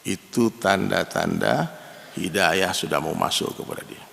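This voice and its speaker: A man preaching a sermon in lively storytelling fashion, often turning to address the men in his audience directly. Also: low-pitched, measured pace, gravelly. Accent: Indonesian. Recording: long hall reverb.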